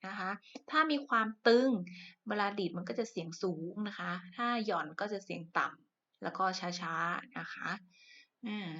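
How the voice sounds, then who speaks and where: A woman's voice: mid-range voice, a bit bright. A woman teacher giving a science lesson to primary pupils, speaking patiently with polite phrase endings and frequent fillers. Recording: muffled lo-fi recording.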